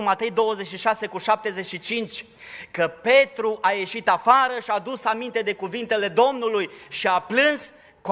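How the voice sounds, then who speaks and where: A man's voice: high-pitched, pushed and bright. Man, pastor, sermon, emphatic delivery, long church reverb. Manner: emphatic preaching, raising his voice on scripture verses.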